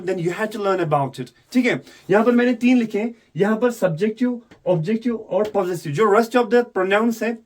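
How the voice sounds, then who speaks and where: A man teaching an English grammar lesson, explaining step by step, asking questions and answering them himself, with English phrases mixed into his talk. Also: high-pitched. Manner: mixes Hindi with English phrases.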